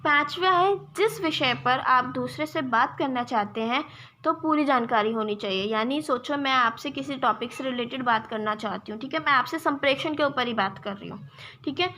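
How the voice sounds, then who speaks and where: A woman's voice: high voice, bright, forceful tone, slight background noise. A young woman teaching a lesson to students, checking in often and calling her viewers friends. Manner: frequent "theek hai" check-ins, addresses viewers as friends.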